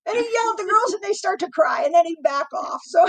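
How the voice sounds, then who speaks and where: A middle-aged woman guest telling family stories in a casual chat, animated and laughing often. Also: extremely high pitch, fairly quick, low-quality recording.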